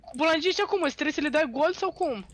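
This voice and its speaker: A man with a notably high voice barks orders and teases while gaming. The sound is dry and close, with no room echo. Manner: bossy, teasing, shouts instructions. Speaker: co-player. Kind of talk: casual live gameplay chat.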